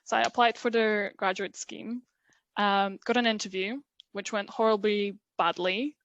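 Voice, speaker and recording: A woman's voice: mid-range voice, fairly even intonation, a little slow, fairly bright tone, no room sound, dull audio. Chatty young woman from Poland. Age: 20s. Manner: chatty, laughs often, many fillers. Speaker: interview guest, recent graduate. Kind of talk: casual video interview.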